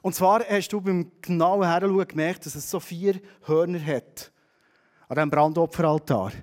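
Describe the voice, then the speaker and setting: Lively Swiss German preacher, fairly high voice. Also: male voice, moderate pace. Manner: lively storytelling, animated swings between loud and hushed. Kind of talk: sermon.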